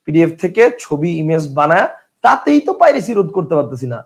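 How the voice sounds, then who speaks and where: A man's voice: a little high, big pitch swings, quick pace, slightly rough. A man teaching an online grammar class, who repeats his questions and keeps asking whether the students understand. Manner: reads out viewer comments and replies.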